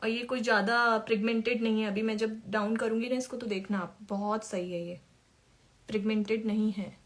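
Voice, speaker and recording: Woman makeup teacher on a live stream, slightly high voice, chatty and informal, answers viewers as she works. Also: steady tone, moderate pace.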